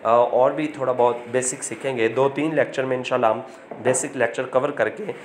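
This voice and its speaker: Male voice-over teacher, mid-pitched, quizzes himself and repeats key words. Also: fairly even intonation, normal speed, noisy background. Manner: asks himself questions and repeats answers. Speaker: language teacher. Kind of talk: online lesson narration.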